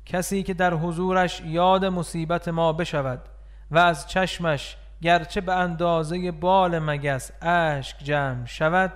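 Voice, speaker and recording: Guy reading a religious text out loud, smooth clear voice, kinda high, mournful and earnest. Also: fairly even intonation. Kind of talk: solemn scripted reading.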